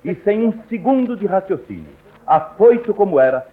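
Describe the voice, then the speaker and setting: A man with a Brazilian Portuguese accent, narrating a radio program in a solemn, measured storytelling manner. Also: sits high, big pitch swings. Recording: narrow, tinny old radio recording.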